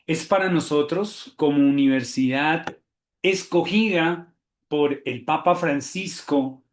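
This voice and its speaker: Hosting a webinar, this theology professor from Colombia talks fast and lively, peppering his presentation with fillers and frequent restarts. His voice sits on the higher side, carries a Colombian Spanish accent, and echoes roomily through the call microphone.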